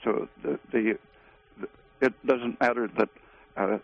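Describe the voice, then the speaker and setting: A man speaking as a guest expert on a call-in radio show, halting, with frequent pauses. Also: mid-range voice, steady tone, creaky. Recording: tinny phone line.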